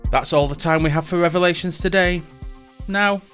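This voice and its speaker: A podcast host plays a grudging, sardonic male mage fronting a tourism show, giving wry, scripted comic narration with sarcastic asides. His voice is high-pitched yet natural, at a normal pace, heard over music.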